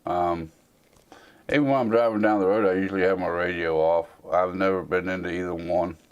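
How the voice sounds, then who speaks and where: Speaking at a brisk clip with fairly even intonation, a low-voiced American man in his 40s answers viewer questions in a casual Q&A. His tone is clear and resonant though the audio is dull, and he rambles folksily with plenty of fillers.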